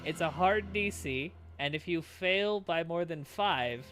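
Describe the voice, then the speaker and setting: Relaxed game master voicing a shopkeeper. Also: male voice, on the high side, measured pace, soft background music. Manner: laid-back, chuckling, playing shopkeeper voices. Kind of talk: narrating a tabletop game.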